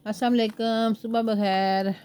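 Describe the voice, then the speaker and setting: A woman's voice: fairly high pitch, little pitch movement, a little slow, mellow, smooth. An older woman with a sore throat chats and rambles through stories at home while sitting with her grandchild. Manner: chatty, rambling storytelling, baby talk to the grandchild. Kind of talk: casual home vlog chat. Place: at home, indoors, sitting with a baby.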